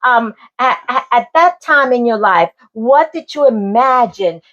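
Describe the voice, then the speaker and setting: A woman hosts an interview, speaking at an unhurried pace in a slightly high voice. She asks measured questions and often pauses on "um" while she finds her words. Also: expressive, a bit bright, dull audio. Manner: slow, measured questions with frequent ums. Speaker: interview show host. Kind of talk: hosted interview.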